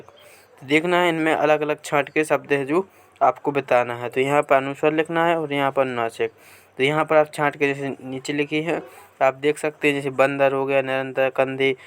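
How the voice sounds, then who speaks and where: Clear-voiced male teacher explaining workbook. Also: a little high. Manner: asks questions and answers them himself, reads passages aloud slowly. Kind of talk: Hindi grammar lesson explaining a workbook page.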